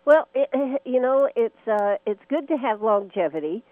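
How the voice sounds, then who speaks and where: A woman's voice: fairly high pitch, animated, moderate pace, dry recording. Friendly woman interviewer, thin narrow radio sound. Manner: friendly and admiring, with frequent restarts. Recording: phone-like narrow band.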